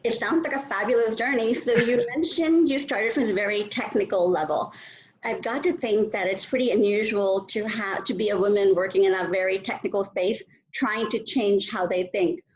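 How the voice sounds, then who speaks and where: A woman's voice: medium pitch, moderate pace, lo-fi sound, slight background noise. A woman hosting an interview, giving friendly, scripted introductions and asking questions. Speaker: interview host.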